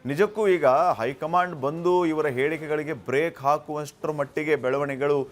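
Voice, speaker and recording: A man's voice: fairly high pitch, moderate pace. News anchor man asking pointed questions. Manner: probing questions, frequent listening murmurs. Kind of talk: conversational news discussion.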